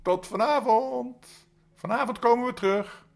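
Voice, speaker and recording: An older man voicing gleeful, mocking night spirits in a storybook, shouting in a high voice. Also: unhurried, gravelly, full character voice.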